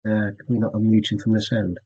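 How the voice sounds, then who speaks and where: A man speaks on a video call in a husky, low voice. His remarks are brief and casual. The sound is dry and close. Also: completely flat delivery, fast talker, mellow, dry recording, lo-fi sound. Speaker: webinar presenter.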